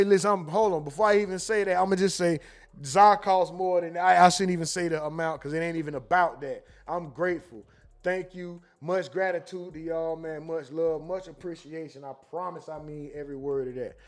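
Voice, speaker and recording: A man hosting a casual livestream, reading viewer comments aloud and reacting with quick asides and laughter. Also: a little high. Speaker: livestream host reading super chats.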